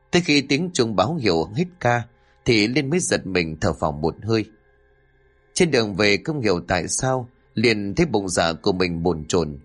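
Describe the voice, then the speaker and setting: A man narrates a story in steady, scripted storytelling. His voice sits fairly low, with faint music underneath.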